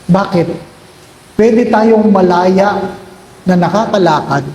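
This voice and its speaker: A middle-aged Filipino priest giving a sermon, telling a story and repeating key lines slowly for emphasis. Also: male voice, high-pitched, mellow. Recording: echoey hall with faint ambience.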